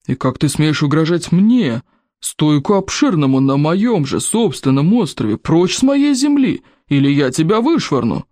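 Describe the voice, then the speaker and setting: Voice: medium pitch, sing-song, measured pace, a little mellow, no room sound, studio quality. A reader voicing a huge, proud Viking chief who growls his defiant replies in a storybook reading. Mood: growling, defiant. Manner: growling, boastful. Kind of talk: audiobook character voice.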